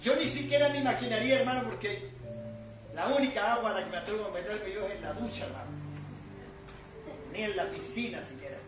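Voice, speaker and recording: Older guy preaching a sermon, really high voice, booming then quiet, far off in a super echoey church with music behind. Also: fairly quick. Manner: preaching with loud bursts and quiet drops. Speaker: pastor.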